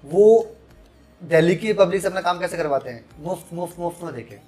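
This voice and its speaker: A man's voice: high-pitched, lively intonation, fairly quick, mellow, faint music behind. A man in his thirties, a podcast guest who talks frankly and with strong opinions, dropping English phrases into casual interview talk.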